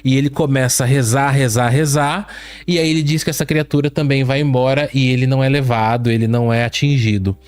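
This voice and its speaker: A man hosting a podcast, retelling eerie accounts in a casual, animated way and dropping his voice low for the spooky quotes. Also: brisk. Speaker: podcast host. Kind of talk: casual storytelling chat.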